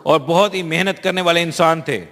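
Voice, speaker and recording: A man's voice: on the high side, fairly even intonation, fairly quick, fairly bright tone. A man interpreting a speech live, fluent and conversational, with small restarts. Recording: long hall reverb.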